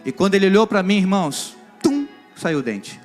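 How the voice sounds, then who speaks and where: A man's voice: high-pitched, sing-song, brisk, soft background music. A man with a Brazilian Portuguese accent preaching a sermon, acting out the lines of a personal story and speaking directly to the congregation. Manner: acts out dialogue from a story, addressing the congregation directly. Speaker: pastor.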